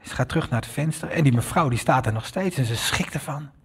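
A man's voice: medium pitch, lively intonation, fast talker, breathy edge. A man preaching a sermon, telling a story in an earnest way and addressing the listeners directly. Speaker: pastor.

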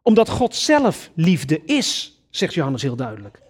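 A man's voice: on the high side, unhurried, slightly rough. A man preaching a sermon, earnest and emphatic, addressing his congregation directly. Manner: earnest, lively preaching with sudden emphatic rises.

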